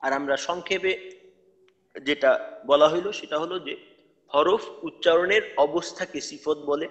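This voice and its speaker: High-voiced man teaching letter sounds. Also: normal speed, fairly bright tone, long reverb tail, highs cut off. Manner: patient, repeats letter sounds to demonstrate pronunciation. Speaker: tajweed teacher. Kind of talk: recorded online lecture.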